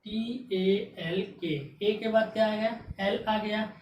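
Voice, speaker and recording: In an echoey room with a distant mic and faint noise, a woman gives a classroom-style English grammar lesson. Her medium-pitched voice is steady and a little mellow, and she takes it slowly, spelling words out letter by letter and answering her own questions.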